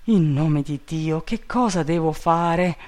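Impatient, urgent gentleman barking orders, as a man reads him. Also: a little high, takes it slowly. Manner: urgent, commanding, raised voice. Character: excitable, impatient male gentleman giving orders.

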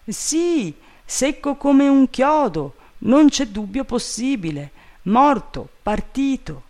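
Bumbling servant, high and fretful, a man reading the part. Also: big pitch swings, takes it slowly, darkish tone, full character voice. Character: timid, bumbling male servant up a tree.

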